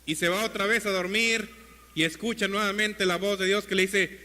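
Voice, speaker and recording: A male pastor preaching an earnest sermon to his congregation, calling them brothers, and rising in pitch and force as he exhorts them. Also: steady tone, moderate pace, long reverb tail. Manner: builds to a louder, higher pitch when exhorting.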